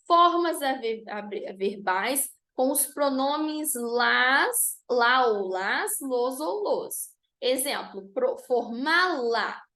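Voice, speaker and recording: A woman's voice: high voice, fairly bright tone. A woman teaching an online grammar lesson, spelling out rules and reading example words one by one. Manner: slow, deliberate dictation of rules and example words.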